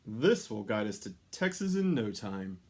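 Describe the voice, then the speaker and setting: A man voicing a jolly old Santa Claus with a booming, hearty delivery for a children's storybook. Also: big pitch swings, a little slow, a little mellow, exaggerated voice. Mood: hearty, blustering. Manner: hearty, exclamatory. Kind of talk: children's storybook read-aloud.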